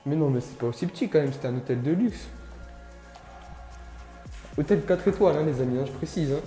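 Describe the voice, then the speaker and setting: A man's voice: fairly high pitch, a little fast, warm tone, echoey room. A man giving casual, slangy running commentary as he explores a place, speaking to his viewers with awe. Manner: slangy, awestruck, addresses viewers. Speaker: vlog host. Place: exploring inside and around an abandoned building. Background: music.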